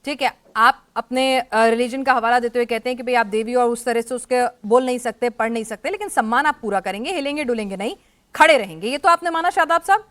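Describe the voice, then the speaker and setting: A woman's voice: on the high side, fast, fairly bright tone. A woman news anchor moderating a TV debate, pressing guests with pointed, insistent questions.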